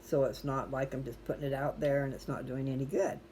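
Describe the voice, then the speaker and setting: A chatty, folksy host reads scripture aloud for viewers, rambling and digressing into casual personal talk. The voice is medium-pitched and a little mellow, fairly quick with fairly even intonation, over slight background noise.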